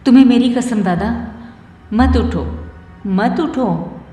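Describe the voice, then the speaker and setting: A woman's voice: medium pitch, very animated, slow. A woman voicing an anxious young widowed sister who speaks in a startled, pleading way. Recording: roomy reverb with soft music.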